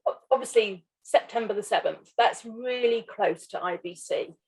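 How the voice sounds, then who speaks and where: A woman hosts an interview, asking easygoing questions with a slightly husky, breathy tone. She nudges her guest along with casual fillers. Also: on the high side, normal speed, darkish tone, low-quality recording.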